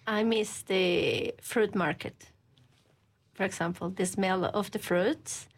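Woman, earnest, halting guest. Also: medium pitch, steady tone, rough recording. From Colombia. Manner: earnest, halting speech with frequent restarts. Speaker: guest, women's ministry leader. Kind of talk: conversational interview.

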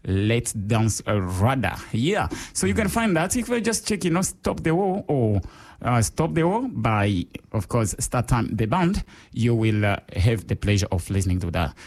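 Chatty Rwandan-born radio co-host. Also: male voice, mid-range voice, moderate pace. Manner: chatty, animated, many fillers. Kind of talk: casual radio chat.

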